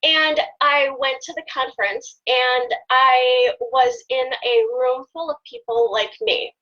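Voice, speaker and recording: Fifty-something woman, high voice, halting and teary, lots of ums. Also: steady tone, lo-fi sound. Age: 50s. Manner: hesitant, many pauses and fillers, choked up. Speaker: volunteer guest. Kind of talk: emotional personal story on a live stream.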